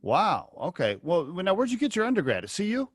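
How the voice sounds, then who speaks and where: Over a video call, a chatty male podcast host runs a casual interview, his questions wandering on at length. He has a high-pitched voice with huge swings in pitch, speaking fairly quickly on a dry, clean studio recording.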